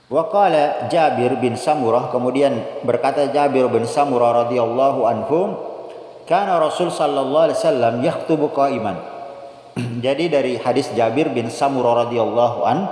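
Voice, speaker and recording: A man's voice: medium pitch, a little mellow. A man with an Indonesian accent teaching a religious study lesson, explaining Arabic text phrase by phrase and rising emphatically on the Arabic. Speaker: teacher of Islamic law. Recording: very echoey hall.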